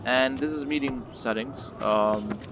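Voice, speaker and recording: A man's voice: mid-range voice, a little slow, background noise. A man hosting a gaming channel, talking casually over gameplay footage with lots of fillers and a mildly sarcastic edge.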